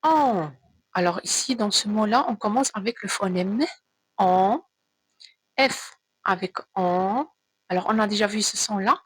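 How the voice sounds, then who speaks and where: A woman teacher giving a slow, careful reading lesson to children, spelling out sounds and repeating words. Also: mid-range voice, slightly rough, no echo, low-quality recording.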